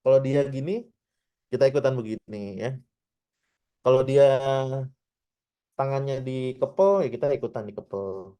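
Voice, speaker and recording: A digital marketing trainer in his thirties leads a casual online class, chatting freely, addressing his audience as "teman-teman," and tagging his points with frequent "ya" checks. He acts out short example dialogues. His voice is medium-pitched, warm, smooth and expressive, at a normal speed with long pauses.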